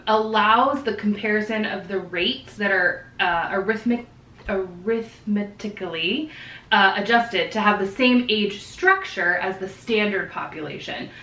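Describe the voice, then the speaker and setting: A woman's voice: mid-range voice, fairly bright tone. Woman podcast co-host, casual and chatty, recorded a bit off-mic in an echoey room. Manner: chatty, laughs easily, many fillers. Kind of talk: casual explanatory chat. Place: living room with dog present. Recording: roomy echo, distant mic, faint background.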